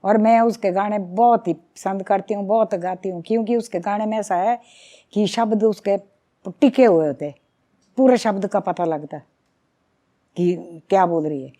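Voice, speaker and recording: A woman's voice: mid-range voice, moderate pace, warm tone. A middle-aged woman from Himachal Pradesh with a Himachali Pahari accent, a folk singer and songwriter talking earnestly and reflectively in an interview. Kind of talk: conversational interview.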